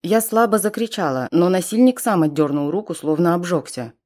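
A woman with a lowish voice narrates a first-person audiobook in a tense, dramatic way. Her delivery is steady and close. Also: brisk.

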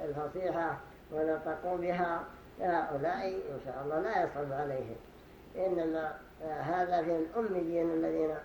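A sheikh teaches his study circle in a high, raised voice, moving deliberately through each point and repeating phrases to demonstrate their pronunciation. The recording is roomy and echoey, with a faint hiss underneath. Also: darkish tone. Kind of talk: religious lesson commentary. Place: study gathering in a mosque hall.

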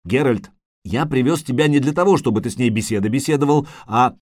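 A man's voice: mid-range voice, fairly quick, dry recording, clean studio sound, lightly acted. A man playing a haughty, hot-tempered prince who talks in a barking, imperious way. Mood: imperious, angry.

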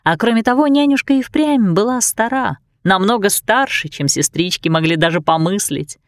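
Expressive woman reading a storybook. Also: medium pitch, normal speed, dry recording, clean studio sound. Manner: expressive, voices many characters. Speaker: narrator.

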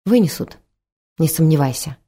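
A woman voicing a weary middle-aged husband who speaks slowly, softly and hesitantly. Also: sits low, lively intonation, slightly rough. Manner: slow, hesitant, soft-spoken.

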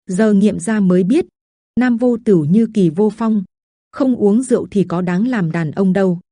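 A bitter, sneering drunken man with a lilt, as a woman storyteller puts him on. He talks coldly through his teeth, in a dark, mellow tone with a dry, close sound, like a figure in an audio story. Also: mid-range voice, moderate pace, no echo, natural voice. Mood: scornful. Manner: cold, scornful, hissing through teeth. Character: bitter, sneering drunken male village teacher.

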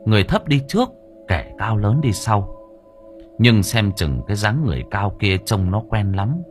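A man narrating a horror story aloud with expressive, shifting delivery. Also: on the low side, normal speed, music in the background. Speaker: audiobook narrator.

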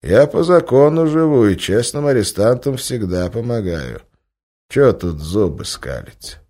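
A man voicing an old, sickly male crime boss, sly and cruel, with a creaky voice and slow, weighty speech. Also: mid-range voice, big pitch swings, a little mellow, voice pushed up. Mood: commanding. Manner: slow, drawn-out authority.

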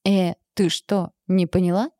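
A woman's voice: fairly low pitch, moderate pace, warm tone, dry recording, clean studio sound, lightly acted. A woman reading the part of a rude, arrogant young male wolf shifter who sneers and snarls insults. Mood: sneering.

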